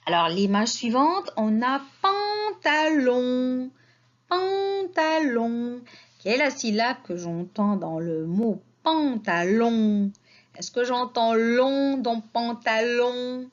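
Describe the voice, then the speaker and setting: A woman teaching a children's spelling lesson, sounding out syllables slowly and patiently, asking questions and answering them herself. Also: a little high. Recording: slightly dull lo-fi audio.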